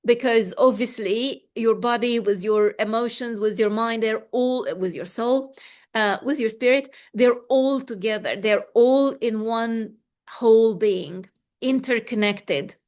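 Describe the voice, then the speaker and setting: A woman coach leading a live online session, giving gentle, repetitive affirmations and calm breathing cues, and reading out participants' responses. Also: fairly high pitch, unhurried.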